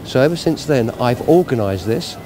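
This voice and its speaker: Man explaining over clear outdoor noise. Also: mid-range voice, animated, moderate pace. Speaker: Lions club event organiser. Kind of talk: informal interview. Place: outdoors at a seafront. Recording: outdoor street and traffic noise.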